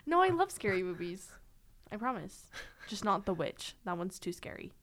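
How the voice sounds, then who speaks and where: Animated young woman telling stories. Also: medium pitch, moderate pace, a little hiss or hum. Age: young adult. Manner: animated, laughing storyteller. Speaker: podcast co-host. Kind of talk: casual chat.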